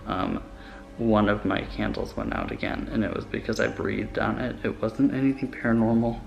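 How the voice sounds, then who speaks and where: A young adult man with a gravelly voice telling stories in a casual, hesitant, rambling vlog style, recorded inside a house. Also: on the low side, level tone, normal speed, poor audio. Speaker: vlogger. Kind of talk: casual vlog storytelling to camera. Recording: music bed under the voice. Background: background music.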